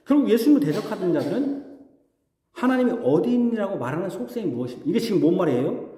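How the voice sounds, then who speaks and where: A man's voice: high voice, big pitch swings, fast, dark tone. A man preaching a sermon as pastor. He talks conversationally, puts questions to the congregation and acts out mocking voices. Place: church sanctuary. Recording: echoey hall reverb.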